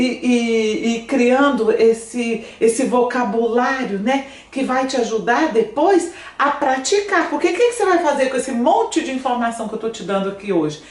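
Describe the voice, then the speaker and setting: A woman with a Brazilian Portuguese accent who teaches French, explaining in a chatty, animated way and often asking "né?". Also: a little high. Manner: chatty, animated, asks "né?" a lot. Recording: echoey room, somewhat distant mic.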